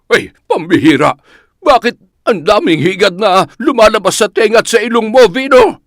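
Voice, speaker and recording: A voice actor playing a gruff, impatient wealthy landowner with a scolding, irritated way of talking. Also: medium pitch, expressive, normal speed, no room sound, clean studio sound, close to an everyday voice. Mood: alarmed.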